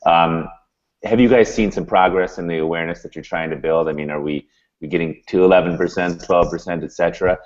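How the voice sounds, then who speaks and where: Casting: hesitant male moderator, very deep voice, lo-fi web stream. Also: fairly even intonation, brisk. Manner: hesitant, questioning, many ums. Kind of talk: panel discussion.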